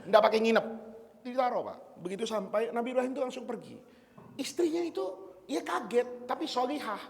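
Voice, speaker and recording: A man's voice: very high voice, fairly quick, creaky, big-room sound. A male preacher giving a sermon, telling stories playfully and quizzing his audience. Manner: lively storytelling, quizzes audience, playful asides.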